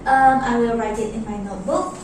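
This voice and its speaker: A woman playing a polite, helpful bank customer relations officer in an amateur role-play, speaking formally and a little haltingly. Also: on the high side, lightly acted. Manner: courteous, halting, formal service talk. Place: echoey indoor room, far mic. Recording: echoey room, distant mic, noisy.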